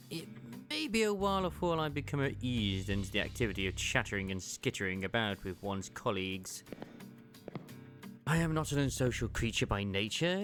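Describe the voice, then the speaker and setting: In a fan dub of a game, a man plays a reserved, bookish martial archivist, his medium-pitched voice delivering formal, archaic lines at a measured pace with a gentle wistfulness. The mood is pensive and self-reproachful, and music plays beneath him.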